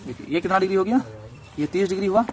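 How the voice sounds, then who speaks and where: A man's voice: high voice, very fast, slight background noise. Man teaching maths with rhetorical questions. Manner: repeats steps with rhetorical questions. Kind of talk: step-by-step classroom lesson.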